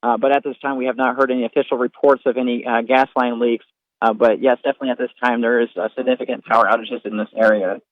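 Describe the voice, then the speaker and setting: A man's voice: mid-range voice, level tone, fast, no room sound. A man reporting live from the field, unscripted and hesitant, with many fillers, over a dull remote link.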